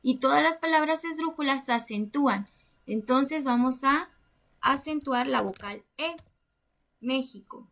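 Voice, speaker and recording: A woman's voice: sits high, normal speed, fairly bright tone. A woman explaining a grammar lesson as a teacher, methodically counting syllables step by step.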